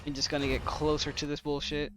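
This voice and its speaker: A man's voice: on the high side, monotone, fast talker, noisy background. Brief: male let's-play streamer, grumbling, casual asides. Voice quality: offhand, grumbling. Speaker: gameplay streamer.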